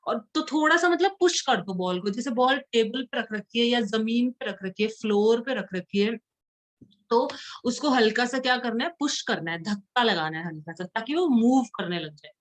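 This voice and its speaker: A woman teaching a school science class in Hindi. Her voice sits a little high, and she goes patiently through each point. When she reads the English lines from the book, she slows right down. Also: expressive. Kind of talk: classroom lesson.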